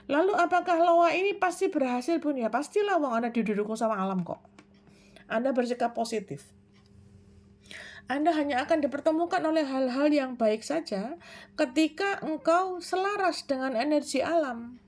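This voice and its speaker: A woman with a high, slightly mellow voice guides viewers through self-improvement advice in an explanatory self-help talk. She stays measured, posing questions aloud and then answering them, with plenty of hesitation fillers.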